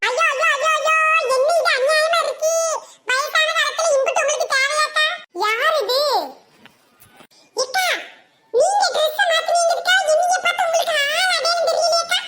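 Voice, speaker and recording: A performer doing a shrill, excitable cartoon village woman. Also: moderate pace. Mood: alarmed gossip. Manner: dramatic, wailing, giggly. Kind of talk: cartoon comedy voice acting. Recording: loud background noise.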